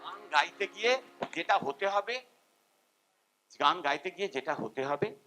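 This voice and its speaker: Animated older man giving a rambling talk. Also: high-pitched, a little slow, soft background music. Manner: animated, rambling, self-deprecating, hums tunes. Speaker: seminar speaker, musician. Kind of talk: informal seminar talk.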